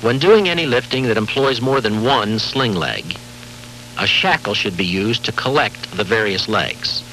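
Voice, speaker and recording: A man's voice: fairly low pitch, expressive, bright, forceful tone, poor audio. Man narrating over worn, hissy tape. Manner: measured, formal, authoritative delivery. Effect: worn VHS tape copy with faint hiss and hum. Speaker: narrator of a safety training film. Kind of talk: scripted instructional narration.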